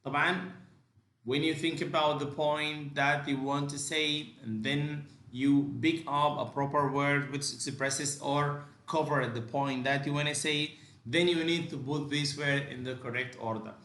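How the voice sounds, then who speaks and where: A male language teacher, giving a bilingual lecture and moving between halting English and rapid explanations full of fillers and restarts. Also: a little high, steady tone, a bit bright, reverberant.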